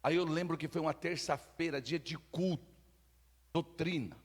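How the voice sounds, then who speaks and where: Male Brazilian pastor, high voice, call-and-response sermon, echoing church hall. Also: normal speed. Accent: Brazilian Portuguese. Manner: call-and-response preaching, urging the congregation to repeat phrases; swings between shouted fervor and low confiding tones. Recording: long hall reverb.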